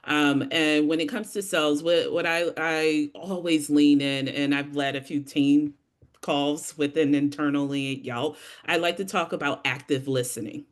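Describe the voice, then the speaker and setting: A woman sales rep telling stories with lively expression on a webinar panel over a video call. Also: low-pitched, moderate pace.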